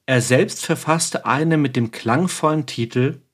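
A man giving steady, informative scripted narration on history. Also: mid-range voice, measured pace.

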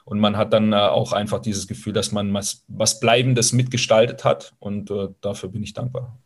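Low-voiced former footballer, reflective. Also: male voice, little pitch movement, moderate pace, slightly rough. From Swabia, Germany, Italian roots. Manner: thoughtful, hesitant, frequent fillers. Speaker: former professional footballer, guest. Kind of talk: reflective interview answers.

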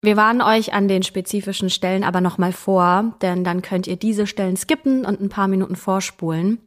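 A woman's voice: mid-range voice, steady tone, a little fast. A woman co-hosting a true crime podcast, telling the story dramatically and giving careful content warnings. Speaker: podcast co-host.

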